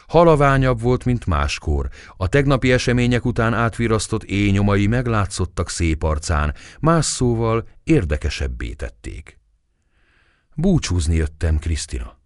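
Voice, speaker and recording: Low-voiced expressive male storyteller. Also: dry recording, clean studio sound. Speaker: audiobook reader. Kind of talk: scripted narration of a classic novel.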